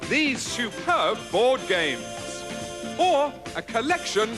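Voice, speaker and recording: A man's voice: extremely high pitch, big pitch swings, takes it slowly. A man announcing prizes on a game show in a showy scripted style. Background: music.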